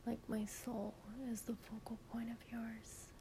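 A woman's voice: fairly high pitch, monotone, a little slow, background noise. A woman in an intimate whispered role-play, speaking tenderly and breathily as a partner reading poetry to someone lying in her lap.

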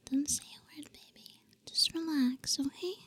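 Slow, soft-whispering young woman. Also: high voice. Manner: soft, teasing, affectionate whisper with breathy hums. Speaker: audio roleplay performer. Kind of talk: whispered ASMR roleplay.

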